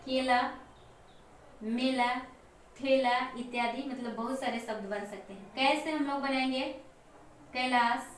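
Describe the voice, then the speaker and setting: High-voiced woman teacher in an echoey room. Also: steady tone. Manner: slow, explaining step by step with examples. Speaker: Hindi teacher. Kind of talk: classroom lesson to children. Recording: echoey room, mic far off, faint noise.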